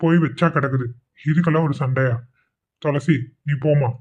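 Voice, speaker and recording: Guy doing chill young husband in a village cartoon, soft coaxing voice, tinny phone-ish audio. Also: on the high side, fairly even intonation, moderate pace, lightly acted. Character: young village husband, loving and easygoing farm worker.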